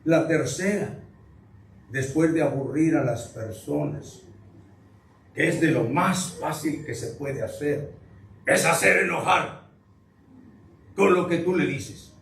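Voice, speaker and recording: A man's voice: fairly high pitch, takes it slowly, creaky, long pauses, fairly bright tone. A man preaching a sermon to his congregation, joking and firing questions at the listeners. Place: church sanctuary. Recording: echoey room, distant mic, faint noise.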